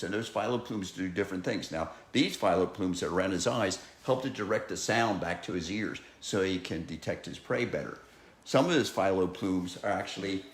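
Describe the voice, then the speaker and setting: A man who works as a wildlife educator, giving a casual, rambling talk about live owls, often chuckling and filling pauses with "uh". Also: lowish voice. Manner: rambling, chuckling, many fillers and restarts. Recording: very echoey room, faint noise.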